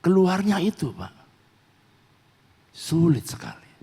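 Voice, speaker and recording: A man's voice: on the high side, very animated, slow pace, dark tone, breathy edge, voice pushed up, heavily acted. A man voicing a sheepish husband who keeps his salary to himself, heard through a long church-hall reverb. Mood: apologetic. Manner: explaining, apologetic. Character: sheepish husband, tight with money.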